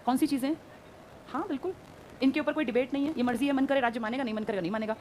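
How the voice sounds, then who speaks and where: A woman teacher giving a brisk classroom lecture, quizzing her students and answering her own questions. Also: sits high, a little mellow, a little hiss or hum.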